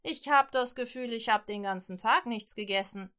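A woman's voice: a little high, normal speed, sharp tone. Woman doing two hungry weary male spies. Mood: curious.

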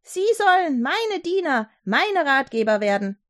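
A woman voicing a loud, boastful king in a children's storybook reading, calling out in delight. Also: big pitch swings, measured pace, heavily acted. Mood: exultant. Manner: booming, exclaiming.

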